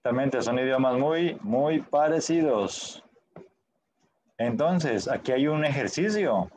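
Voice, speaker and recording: A man leads an online Spanish class over a video call. His voice sits at an average pitch, and his delivery is patient, with frequent short check-in questions. A faint background noise runs under the recording. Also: darkish tone. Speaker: Spanish teacher.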